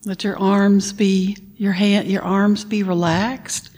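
A woman leading a guided meditation, giving gentle instructions and sometimes dropping to a whisper on the breath cues. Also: mid-range voice, flat delivery, takes it slowly.

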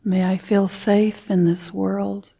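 Meditation teacher, female; slow, soft delivery with long pauses, breathy and mellow tone. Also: medium pitch, flat delivery. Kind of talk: guided meditation.

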